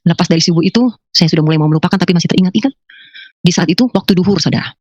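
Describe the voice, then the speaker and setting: A middle-aged woman giving a personal faith testimony, telling her story with lively storytelling and addressing listeners as brothers and sisters. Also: racing, slightly rough, no echo. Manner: animated storytelling, acting out her own quoted lines in a high voice. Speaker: testimony speaker.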